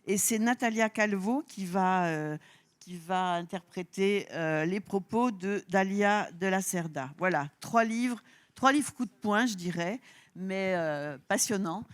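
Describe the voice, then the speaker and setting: A woman's voice: medium pitch, measured pace, clear, resonant tone. A woman moderating a live festival panel, introducing authors with many hesitations and restarts. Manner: hesitant, many fillers and restarts, laughs at own pronunciation.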